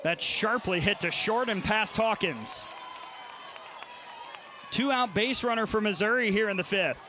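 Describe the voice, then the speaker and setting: A man calling live softball play-by-play in clipped, punchy phrases. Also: high voice, measured pace. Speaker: play-by-play announcer. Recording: noisy stadium crowd behind commentary. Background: crowd and outdoor ballpark noise.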